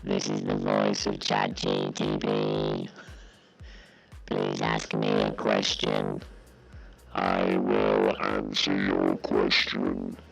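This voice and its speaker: Someone talking through a voice changer that makes the voice very deep, playing an anonymous disguised whistleblower in slow, deadpan jokes. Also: faint music behind, exaggerated voice, low-quality recording. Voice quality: gravelly, croaking. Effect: voice changer pitching the voice very deep. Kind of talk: joking banter on a live game stream.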